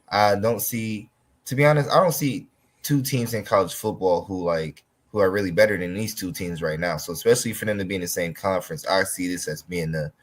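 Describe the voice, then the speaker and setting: A man co-hosting a casual college football talk show, talking in a halting way with frequent restarts. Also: low-pitched, breathy edge. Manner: halting, stumbles and restarts often. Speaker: sports podcast co-host.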